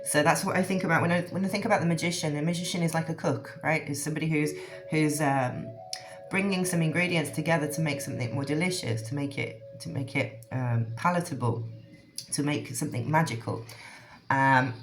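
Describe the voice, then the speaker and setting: Low-voiced woman giving a tarot reading. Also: a little fast, noisy background. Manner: loose and rambling, many fillers and restarts. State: frog in her throat. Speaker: tarot reader.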